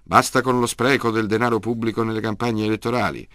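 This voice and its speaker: A man voicing a stubborn, loud older grandfather in an audiobook reading, with a gravelly voice. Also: lowish voice, fairly even intonation, fast talker, no room sound, studio quality, voice pushed up, close to an everyday voice. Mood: indignant.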